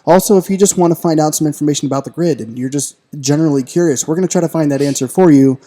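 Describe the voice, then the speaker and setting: A man's voice: on the high side, rapid-fire, warm tone. A man co-hosting a casual podcast, talking enthusiastically and jokingly with lots of fillers. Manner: enthusiastic, jokey, many fillers. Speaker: podcast co-host.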